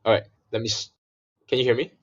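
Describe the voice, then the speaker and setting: A man's voice: medium pitch, steady tone, fast talker, breathy edge, dull audio. A man hosting a podcast over a remote call, his audio glitching and cutting in and out as he talks casually. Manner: casual, swears when frustrated. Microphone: remote call mic.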